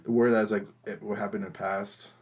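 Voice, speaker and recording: A man co-hosting a podcast, talking in a halting, hesitant way full of fillers and restarts. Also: fairly low pitch, little pitch movement, slight background noise. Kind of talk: casual chat.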